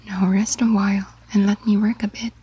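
A woman voicing a frail, terse old male hermit in a soft whisper. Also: mid-range voice, little pitch movement, a little fast, slightly rough. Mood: calm. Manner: brief soft whispered remarks. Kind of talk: ASMR story reading.

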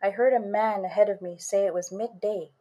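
A woman author and storyteller reading a first-person story in a measured way, lingering on images. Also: mid-range voice, fairly even intonation, dark tone, husky, lo-fi sound.

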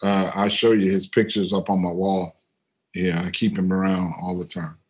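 Easygoing middle-aged man, low voice. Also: moderate pace. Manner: animated when quoting others, otherwise easygoing with fillers. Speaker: interviewed musician and composer. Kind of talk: relaxed storytelling. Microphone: computer on a video call.

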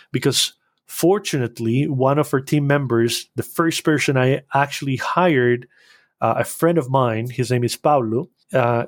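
Brief: man, guest, animated quick talker, mid pitch, dry. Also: no echo. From Costa Rica. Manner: animated, quick bursts with restarts. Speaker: podcast guest, business owner. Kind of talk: casual interview talk.

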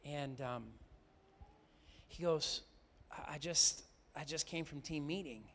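A middle-aged man preaching from the pulpit, his voice sitting a little higher than most men's. He rises to loud, emphatic declarations, then drops low and close to tell a personal story. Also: slow pace. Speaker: pastor. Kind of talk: sermon.

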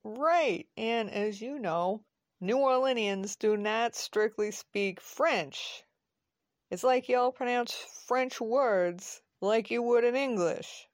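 A woman voicing an easygoing young man who is new to the city, in a relaxed, wry conversational way. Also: on the high side, slow, no echo, clean studio sound.

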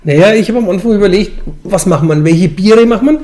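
A brewmaster and brewery owner in his 40s from Franconian Switzerland in Bavaria, Germany, explains things in a casual interview. He talks fast in colloquial dialect, with a mellow, high voice.

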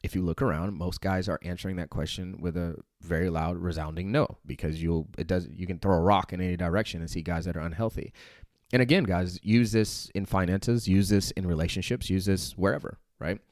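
Intense low-voiced motivational fitness man. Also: fairly even intonation, brisk, a little mellow, no room sound, studio quality. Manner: intense, swears casually, many "like" and "right?" fillers. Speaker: fitness company owner. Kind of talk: motivational talk.

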